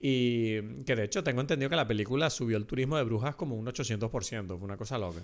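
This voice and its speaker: A man with a Venezuelan accent co-hosts a podcast, chatting casually about films in long, rambling turns. His voice sits at a medium pitch and he talks very fast.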